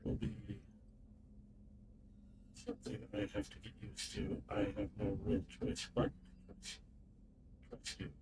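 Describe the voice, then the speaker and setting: A man voicing an ancient, solemn robot being, his words clipped and dropping out from noise suppression. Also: far from the mic. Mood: wary. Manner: slow, grave, measured speech. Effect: noise suppression cutting the voice off. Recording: voice chat mic, faint noise, choppy suppression.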